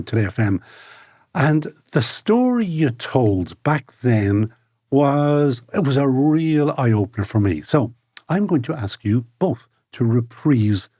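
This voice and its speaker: A man's voice: mid-range voice, warm tone, no echo. A man hosts a conversational interview in short punchy sentences, teasing and dramatising as he goes. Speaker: interviewer, host.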